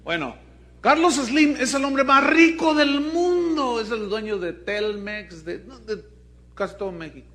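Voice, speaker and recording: A man's voice: very high voice, expressive, unhurried, fairly bright tone. A man with a Mexican accent preaching a sermon to his congregation, emphatic and full of questions to the listeners. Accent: Mexican Spanish. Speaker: pastor.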